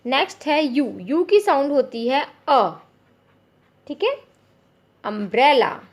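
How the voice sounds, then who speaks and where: A woman with an Indian accent teaching phonics to parents, repeating each letter sound slowly and clearly. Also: high-pitched, lively intonation.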